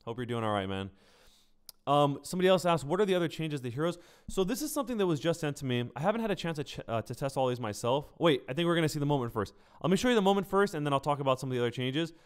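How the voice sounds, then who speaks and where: A man with a smooth, somewhat high voice talks rapid-fire and animated while hosting a live game stream. As a game streamer and video host, he gives casual, conversational news commentary straight to his viewers.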